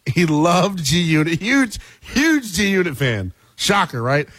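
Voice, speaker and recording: High-pitched, animated male sports radio host. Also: a little slow, no echo. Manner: colloquial, emphatic, repeats phrases for effect. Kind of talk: sports talk monologue and caller chat. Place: radio studio.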